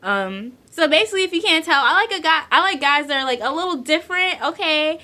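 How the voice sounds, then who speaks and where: A woman in her twenties from Central New Jersey with a light local accent, chatting playfully about herself in a casual vlog, laughing often and filling pauses with ums. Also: high voice, expressive, bright, forceful tone. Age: 20s. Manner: says she is shy. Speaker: vlogger. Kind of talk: casual chat answering tag questions.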